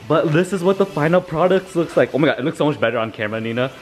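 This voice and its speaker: A teenage guy vlogging in a casual, giggly, excitable way, laughing often. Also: on the high side, fast. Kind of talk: casual vlog chat. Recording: loud pop music behind.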